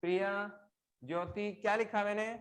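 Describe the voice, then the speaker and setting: A middle-aged man teaching a live online class, explaining slowly with repeated examples and putting questions to his students. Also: high-pitched, steady tone.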